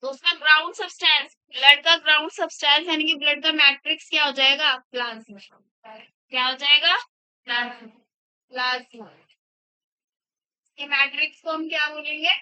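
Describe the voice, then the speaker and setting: A woman's voice: high-pitched, fairly even intonation, a little fast, pushed and bright, no echo. A woman biology teacher lecturing in a classroom, asking the class questions and repeating their answers back, in a dull lo-fi recording. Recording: dull lo-fi sound.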